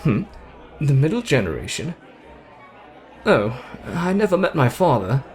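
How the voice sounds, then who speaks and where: A man plays a cocky, playful young British show-off in an ASMR roleplay aimed at the listener, boastful, teasing, theatrical and charming. His mid-range voice swings widely in pitch at an unhurried pace, with a somewhat dark tone and some chatter in the background.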